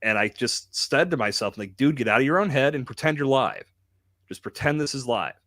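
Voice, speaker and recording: Talking a little fast, this live podcast host has a medium-pitched, fairly bright and animated voice, with no room sound. He stays candid, emphatic and colloquial as he speaks into a close mic.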